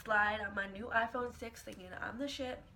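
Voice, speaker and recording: A woman's voice: on the high side, steady tone, normal speed, bright, forceful tone, slight background noise. Dramatic young woman telling a story. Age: young adult. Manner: casual, profane, filler-heavy. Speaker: vlogger. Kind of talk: storytime vlog.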